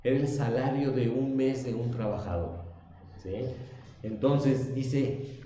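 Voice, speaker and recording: A man's voice: medium pitch, takes it slowly, mellow, slight background noise. A man teaching a Sunday school Bible lesson, reading scripture aloud and asking the class questions. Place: church classroom. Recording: echoey, dull church room recording.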